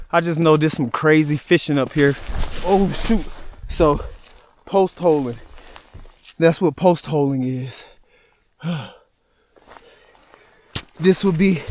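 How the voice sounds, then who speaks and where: Here's an Alabama man with a voice on the high side, recording a solo hiking vlog outdoors among snowy peaks. Moved and appreciative, he talks directly to the people watching.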